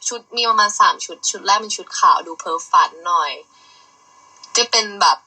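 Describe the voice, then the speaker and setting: A woman's voice: lowish voice, moderate pace, pushed and bright, slightly rough, low-quality recording. A young woman chatting casually on a livestream, rambling and giggly as she explains a music video. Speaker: idol livestreamer.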